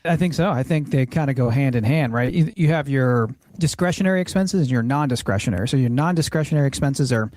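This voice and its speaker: A financial planner hosting a finance podcast explains retirement planning casually and earnestly, frequently restating phrases to reframe a point. His medium-pitched voice is a little mellow and fast, with few pauses and no echo.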